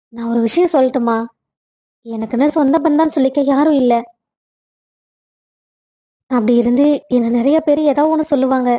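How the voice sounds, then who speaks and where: Woman as a gentle, high-voiced young cartoon heroine, soft and pleading. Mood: earnest. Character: gentle young woman, kind and caring friend.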